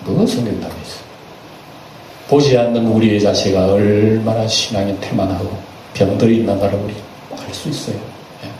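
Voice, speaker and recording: A man, preaching a sermon as senior pastor. He talks in a lively way, asks the congregation questions and acts out little asides. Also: fairly low pitch, moderate pace. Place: church sanctuary. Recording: echoey church hall, picked up from a distance, faint room noise.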